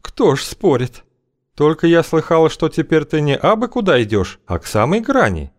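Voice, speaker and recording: A man's voice: fairly high pitch, big pitch swings, moderate pace, pitched above the performer's own voice. A man reading an audiobook, voicing a bold, scheming older woman matchmaker who talks in a languid, teasing, coaxing way.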